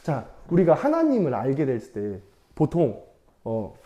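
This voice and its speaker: Young male evangelist, relaxed talky sermon to kids; warm, mellow, animated delivery. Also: mid-range voice, measured pace, lo-fi sound. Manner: chatty, playful, laughs often; asks the audience questions. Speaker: evangelist preaching to children. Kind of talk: casual sermon with storytelling.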